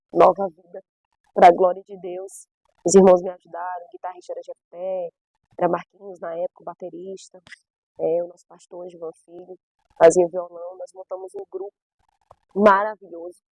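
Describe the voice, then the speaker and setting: A woman's voice: on the low side, gravelly, darkish tone, breathy edge, no echo, lo-fi sound. A middle-aged woman from Brazil's Northeast, a gospel singer giving her testimony in an emphatic, storytelling way with repeated phrases. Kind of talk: personal testimony.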